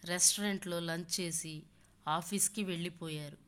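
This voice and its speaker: A woman narrating a romantic suspense audio story in a steady, plain reading manner. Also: fairly low pitch, moderate pace.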